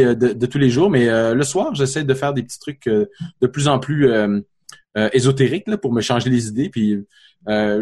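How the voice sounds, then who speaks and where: Québécois developer guest, fast and slightly raspy. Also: male voice, medium pitch, a little mellow. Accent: Québécois French. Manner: rapid, stumbling talk with repeated restarts. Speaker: podcast co-host, developer. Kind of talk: casual podcast chat.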